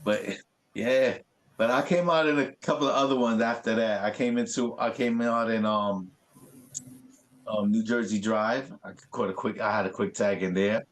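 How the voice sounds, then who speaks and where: A man, a graffiti artist, telling stories in a casual interview, animated and full of swearing and street slang. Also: lowish voice, moderate pace.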